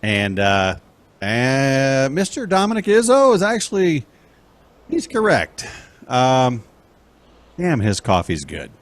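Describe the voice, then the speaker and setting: Guy hosting a show, crude jokey banter, pitch swings all over. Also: huge pitch swings, slow, pauses often. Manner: crude, joking. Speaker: show host. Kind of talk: casual banter.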